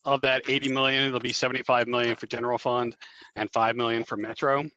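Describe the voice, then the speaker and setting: A man giving a measured budget briefing to a council, with many fillers. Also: mid-range voice, level tone, bright, forceful tone, lo-fi sound. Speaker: budget official.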